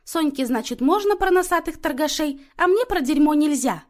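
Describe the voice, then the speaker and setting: A woman reading an audiobook, voicing a bossy, nosy mother who talks loudly and scolds. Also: high-pitched, sing-song, fairly quick, pitched above the performer's own voice. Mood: indignant. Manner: loud, indignant, scolding. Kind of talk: audiobook character voice.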